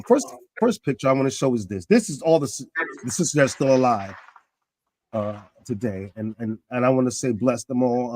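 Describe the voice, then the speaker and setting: A man in his fifties hosting a casual talk show, animated, his pitch climbing when he gets excited. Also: no room sound. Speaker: podcast host.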